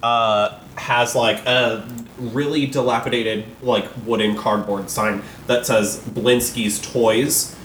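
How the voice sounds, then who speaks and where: A man narrating as game master, relaxed and loose, with many fillers. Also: medium pitch, slow pace, roomy sound, slight background noise.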